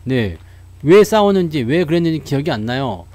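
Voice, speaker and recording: Male stock commentator, animated and chatty, higher voice, dry close sound. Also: moderate pace, dry recording. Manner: chatty storyteller who laughs often. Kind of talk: casual talk to viewers.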